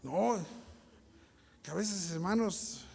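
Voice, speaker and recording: A man's voice: high-pitched, slow pace, gravelly, a little mellow, slightly rough, long reverb tail. A man, a pastor telling a childhood story in his sermon and speaking straight to the congregation. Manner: storytelling, addresses congregation directly.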